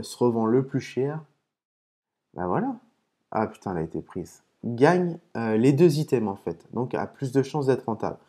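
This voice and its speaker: A man hosting a casual gaming video, explaining terms patiently between hesitant pauses and muttered curses at his own mistakes. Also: medium pitch, dark tone. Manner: hesitant, with frequent "euh" and restarts. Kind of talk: casual commentary while opening game cases.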